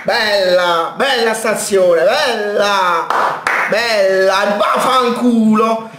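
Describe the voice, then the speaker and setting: High-pitched excitable football fan. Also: male voice, extremely slow. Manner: excitable, shouting, swearing, chanting players' names. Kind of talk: live match reaction. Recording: echoey room with broadcast crowd noise. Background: match broadcast with stadium crowd.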